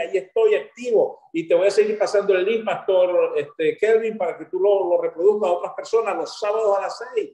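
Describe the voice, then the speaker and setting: A man from Maracaibo in Venezuela with a Maracaibo accent, preaching a sermon as a guest pastor, talking fast and getting excited. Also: high voice, echoey room. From Venezuela (Zulia).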